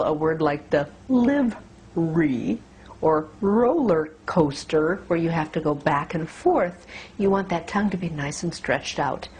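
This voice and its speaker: An American woman working as a speech coach, giving deliberate articulation instruction and drawing out sounds as she demonstrates them. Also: low voice, a little hiss or hum. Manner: deliberate, drawn-out demonstration of single sounds and words.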